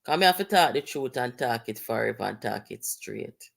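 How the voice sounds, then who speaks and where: A co-host with a Jamaican accent who talks in patois, animated and exclamatory, often laughing in a casual discussion. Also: medium pitch, moderate pace, creaky. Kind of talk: casual talk-show discussion.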